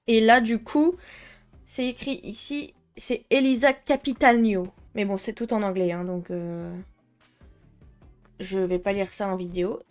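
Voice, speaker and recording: A woman's voice: medium pitch, steady tone, unhurried, faint music behind. A French-speaking woman chatting casually through an art-supply unboxing, hesitant with many fillers and frequent giggles. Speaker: art vlogger.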